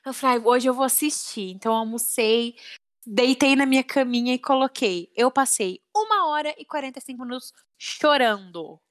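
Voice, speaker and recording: A woman's voice: sits high, moderate pace. Chatty young Brazilian-Portuguese-speaking woman. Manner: chatty, emotional, lots of fillers. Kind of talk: casual chat.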